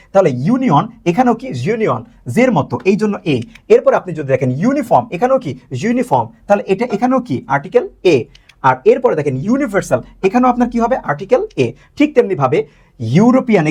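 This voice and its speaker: A man's voice: high-pitched, darkish tone, slightly rough. A man with a Bangladeshi accent teaching a grammar lesson, quizzing viewers with questions and answering them himself. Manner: drawn-out stressed example words. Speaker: English teacher.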